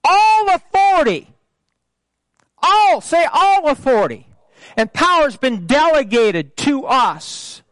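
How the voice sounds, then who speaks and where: A man pastor preaching a sermon with call-and-response, emphatic, swelling louder and higher on key phrases. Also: very animated, takes it slowly, no echo.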